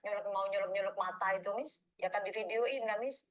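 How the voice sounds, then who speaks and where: Woman, caller, deferential, rambling, medium pitch. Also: fairly quick, muffled recording. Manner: deferential, rambling, ends phrases with "Miss". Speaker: caller, domestic worker abroad. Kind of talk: phone call asking for advice.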